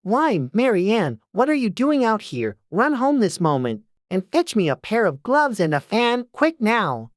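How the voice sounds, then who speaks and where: A woman's voice: mid-range voice, big pitch swings, a little slow, hardly any pauses, no echo, clean studio sound, voice pushed up. A woman voicing an anxious, fussy rabbit who mutters and orders others about. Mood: bossy. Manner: fretting, muttering, bossy.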